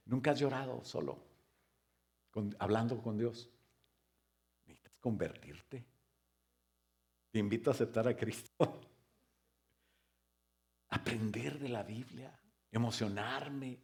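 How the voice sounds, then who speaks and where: A man preaching a sermon as pastor, firing rhetorical questions and joking asides, now loud and emphatic, now quiet. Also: mid-range voice, gravelly. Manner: swings between loud emphatic stress and soft quiet stretches.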